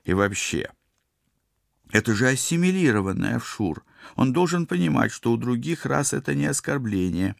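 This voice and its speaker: A man voicing an eager, curious young woman student in an audiobook, with excited, pleading talk. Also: medium pitch, normal speed, creaky, no room sound, studio quality, pitched above the performer's own voice.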